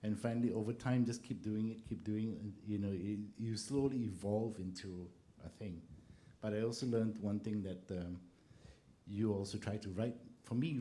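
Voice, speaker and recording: A man in his sixties, a composer on a panel, telling stories in a relaxed way and laughing often. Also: on the low side, a little hiss or hum. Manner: storytelling, laughing often, acts out quotes.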